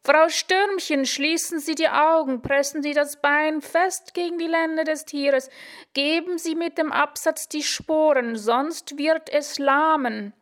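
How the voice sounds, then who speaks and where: A woman reading aloud, voicing an excitable male riding therapist who shouts orders. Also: high-pitched, a little slow, few pauses, pitched above the performer's own voice. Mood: shouting orders. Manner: loud, commanding, breathless urging.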